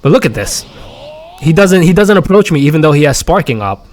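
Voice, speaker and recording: A man's voice: fairly high pitch, very animated, fairly quick, darkish tone. Rambling man commentating gameplay. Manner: rambling, many fillers and restarts. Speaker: gaming content creator.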